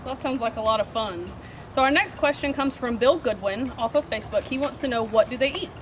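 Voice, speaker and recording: Cheery high-pitched woman host, noisy outdoors. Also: brisk. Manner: cheery, friendly presenter. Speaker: video host. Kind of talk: upbeat presenting, reading audience questions. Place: outdoors at a theme park. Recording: clear outdoor ambient noise.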